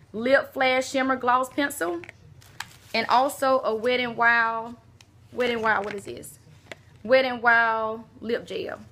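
Bright-voiced gushing woman. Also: a little high, slight background noise. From Alabama. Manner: gushing, exclaims often, talks to viewers as y'all. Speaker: beauty vlogger. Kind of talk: casual mail swap unboxing.

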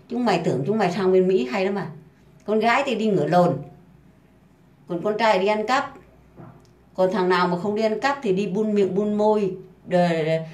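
A woman's voice: medium pitch, a little mellow. A woman delivering an angry, profane rant full of insults and hammering repetition. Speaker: housemaid ranting online. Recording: roomy echo.

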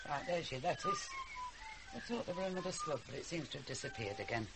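A tart, teasing gran. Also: female voice, deep voice, sing-song, fast talker. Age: older. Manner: tart, earthy, bossy banter. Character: blunt teasing old grandmother. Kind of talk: radio drama. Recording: noisy radio drama recording.

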